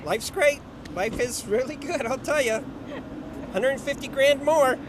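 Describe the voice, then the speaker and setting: A man's voice: very high voice, unhurried. A man being interviewed casually as a contest winner, plainspoken and folksy, with street noise around him. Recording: clear outdoor traffic noise.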